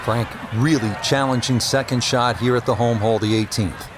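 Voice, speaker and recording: A man giving measured, understated live golf commentary as the lead announcer. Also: mid-range voice, steady tone. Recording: outdoor crowd noise, loud background ambience. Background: golf course crowd and ambience.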